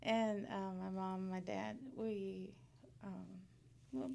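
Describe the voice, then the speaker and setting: A woman in her thirties from Puerto Rico, a guest in a casual interview, talking in halting bursts and laughing often. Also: mid-range voice, little pitch movement, vocal fry, dark tone. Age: 30s.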